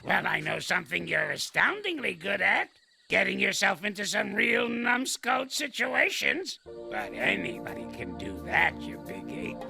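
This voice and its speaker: An actor playing a cranky old male ape in a cartoon, scolding and name-calling in a gravelly, crackly old voice. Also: sing-song, a little slow, pushed and bright, faint music behind, exaggerated voice. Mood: grouchy scolding. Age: older. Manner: scolding and name-calling, swooping wildly in pitch. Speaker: grouchy elder ape in a cartoon series. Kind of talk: cartoon voice acting.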